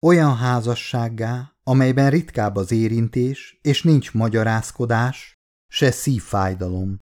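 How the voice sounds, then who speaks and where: A man narrating a literary novel in the first person, in a measured, subdued, introspective way. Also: medium pitch, a little mellow. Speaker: audiobook narrator.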